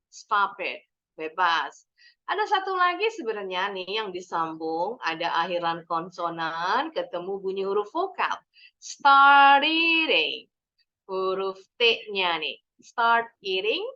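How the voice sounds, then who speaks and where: A woman teaching an online English pronunciation lesson, explaining points and then modelling short phrases slowly. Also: medium pitch, bright, forceful tone, dull audio. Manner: switches between explaining and slow model phrases.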